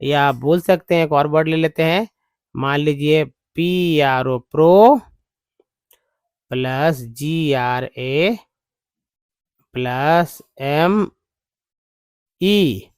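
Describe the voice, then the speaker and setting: A man tutoring beginners in a very slow, patient cadence, sounding each word out letter by letter and repeating it. His voice is smooth and clean, recorded dry and close with no room sound. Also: fairly high pitch, dry recording. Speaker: English teacher. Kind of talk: slow spelling-out lesson.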